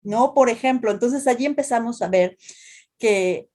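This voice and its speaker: In an academic interview, a Mexican translation professor explains her ideas, often restarting sentences and adding tag questions. She speaks Mexican Spanish-accented English at a normal speed, with a fairly high pitch and a dark tone.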